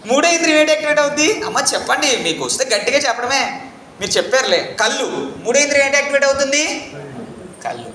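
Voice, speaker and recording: A man giving an interactive spiritual lecture to a live audience, quizzing them and pressing them to answer loudly, repeating key points like a chant. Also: very high-pitched, very animated, very fast, a little hiss or hum. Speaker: spiritual teacher. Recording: echoey room.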